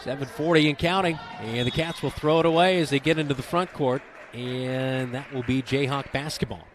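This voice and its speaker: This is a high school gym broadcast where a man does excitable, brisk play-by-play of basketball. Banter and jokes pepper his calls, and loud gym noise persists in the background.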